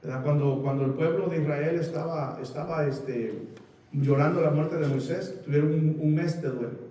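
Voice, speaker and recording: A man preaching as a pastor in a halting way, repeating words and using many fillers. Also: on the high side, mellow, slight background noise. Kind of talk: sermon with congregation sharing. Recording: echoey room picked up from a distance.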